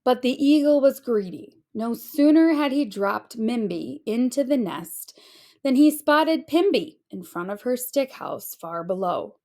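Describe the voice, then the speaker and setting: A woman narrating a children's storybook aloud in an expressive, deliberate storytelling style. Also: on the high side.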